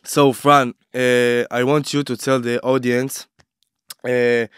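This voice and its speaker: Flat, very clear-voiced male host. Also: mid-range voice, dry recording, studio quality. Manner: plain, halting, simple phrasing. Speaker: interview host. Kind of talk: casual interview hosting.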